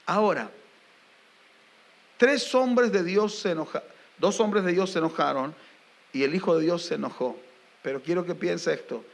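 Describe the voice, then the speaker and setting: A man delivers a sermon in a high, bright voice. He preaches with animated emphasis, builds to rising questions and slips in jokes for the congregation. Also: moderate pace, gravelly, pauses often. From Argentina. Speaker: pastor.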